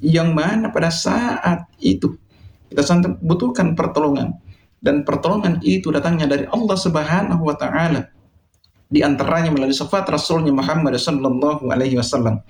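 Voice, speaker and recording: A male preacher with a fairly high voice delivers a sermon to his listeners in a solemn, exhorting way, deliberate and full of emphatic phrasing. The sound is echoey and reverberant.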